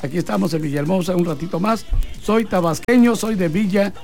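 Mexican radio guy reading fan messages out loud, pretty high voice, bit of music under it. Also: fairly quick, creaky. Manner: chatty, reads messages aloud and adds advice. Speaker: sports radio host. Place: radio booth.

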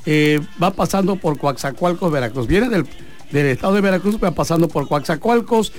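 A man's voice: fairly high pitch, lively intonation, moderate pace, faint music behind. A Mexican man hosting a sports radio show from a radio booth, chatting and reading out listener messages. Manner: chatty, reads messages aloud and adds advice.

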